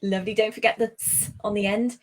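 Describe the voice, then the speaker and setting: A woman from Britain teaching English pronunciation over a video call, praising and correcting slowly. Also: mid-range voice, little pitch movement. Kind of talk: online speaking lesson.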